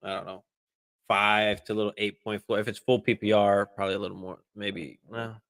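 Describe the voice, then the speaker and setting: A man hosting a live fantasy football stream, answering viewer questions in a relaxed, casual way, swearing freely and using lots of fillers and restarts. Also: on the low side, moderate pace. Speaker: fantasy football show host.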